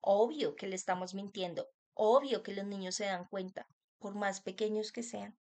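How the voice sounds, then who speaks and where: A woman's voice: medium pitch, steady tone, normal speed, darkish tone. A woman, a mother giving a talk on child wellbeing, earnest and direct, asking her listeners rhetorical questions. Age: adult parent. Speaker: parenting workshop speaker.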